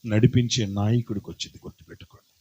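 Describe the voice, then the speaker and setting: A man preaching a sermon as a pastor, repeating phrases slowly for emphasis and breaking into sudden high, forceful bursts while calling on the congregation to answer. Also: level tone, husky, lo-fi sound. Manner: slow, emphatic repetition of phrases.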